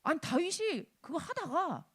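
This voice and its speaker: A woman preaching a sermon to a college group, emphatic and full of rhetorical questions, rising to loud peaks and dropping low again. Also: expressive, moderate pace. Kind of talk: animated sermon.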